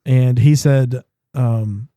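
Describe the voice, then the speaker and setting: A man's voice: medium pitch, steady tone, drawn-out words, dark tone, no echo. A man hosting a podcast, chatting casually and laughing as he teases his co-hosts. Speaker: podcast host.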